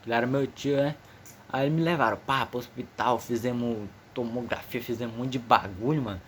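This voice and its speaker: A man's voice: mid-range voice, brisk, a little hiss or hum. Teenage boy, slightly nervous, slangy, rambling, casual storytelling. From Amazonas, northern Brazil. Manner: slangy, rambling, many restarts. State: a bit nervous. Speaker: vlogger.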